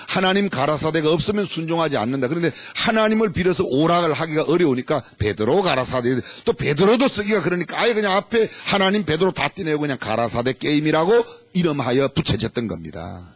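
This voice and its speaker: A man's voice: a little high, fairly bright tone, no room sound. A middle-aged male pastor preaching in a church, playfully leading the congregation through a game. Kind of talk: sermon. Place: church sanctuary.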